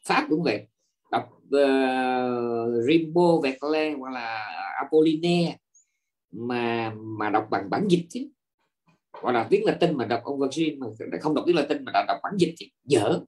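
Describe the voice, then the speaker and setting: A man's voice: medium pitch, lively intonation, unhurried, a little mellow. A man, a Buddhist monk, giving a dharma talk to a class, lecturing with rhetorical questions and repeating filler words as he searches for the next thought.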